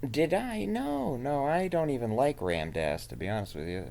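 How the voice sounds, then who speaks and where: A man's voice: lowish voice, very animated, fairly quick, a little mellow, a little hiss or hum. A man talking casually in an improvised role-play, blunt and offhand, with a dismissive streak.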